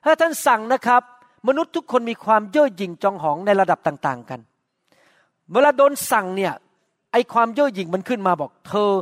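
A man's voice: high-pitched, big pitch swings, a little fast. Man, middle-aged, pastor, earnest sermon, close dry voice, reverberant hall. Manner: earnest, acts out short quoted dialogues.

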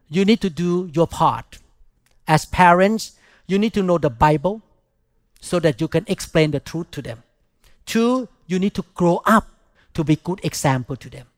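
High-pitched older Thai-accented man preaching. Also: no echo, clean studio sound. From Thailand. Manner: emphatic, repeats phrases in short chunks. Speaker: pastor preaching. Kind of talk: sermon.

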